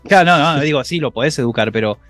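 Argentine guy cohosting a tech show, gets excited and jumps up in pitch, dry close sound, soft music behind. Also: fast talker, dry recording. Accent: Argentine Spanish. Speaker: podcast co-host. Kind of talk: casual tech chat.

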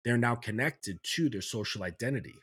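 A man's voice: mid-range voice, expressive, brisk, fairly bright tone, husky. A man talking as a guest on a podcast, reflective, often checking in with the listener as he makes his points. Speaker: guest, men's coach. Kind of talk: podcast conversation.

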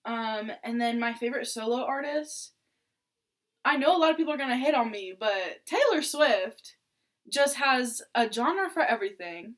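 Chatting casually on the podcast she co-hosts, the Iraqi-born seventeen-year-old speaks at a moderate pace, her voice on the high side and expressive. Fillers and giggles come up often.

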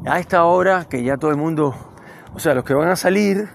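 A Cuban-born man hosts his podcast while strolling down a city street, talking off the cuff in a rambling, easygoing way. His voice sits a bit high and has a gravelly, fry-laden texture. Cars pass quietly in the background. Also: a little fast, slight background noise. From Cuba. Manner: rambling, loose and conversational. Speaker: podcast host. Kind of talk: improvised monologue while walking. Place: outdoors on a city street at dusk. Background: passing cars.

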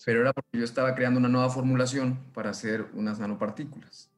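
A man's voice: mid-range voice, fairly even intonation, quick pace, faint music behind. A man who works in science, talking casually on a podcast, eager and rambling with many restarts. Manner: enthusiastic, agreeing, rambling. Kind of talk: casual conversation.

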